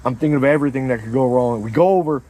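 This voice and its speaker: A man telling a comedic story in casual chat, animated and profane, acting out scenes with sound effects and quoted lines. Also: mid-range voice, very fast, low-quality recording.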